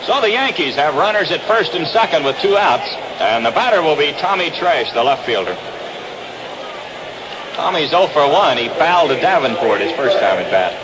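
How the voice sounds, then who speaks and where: With a voice on the high side and big swings in pitch, an American man delivers baseball play-by-play at a moderate pace. The style is 1960s radio sports, broadcast from an outdoor ballpark and preserved as a noisy vintage 1962 recording.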